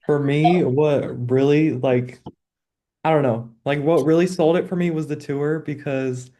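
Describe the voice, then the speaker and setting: Brief Young freshman guy from Kansas, warm mellow tone, loose and relaxed delivery. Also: a little high, unhurried. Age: young adult. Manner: relaxed, many "like" fillers. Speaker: student ambassador. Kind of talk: casual chat.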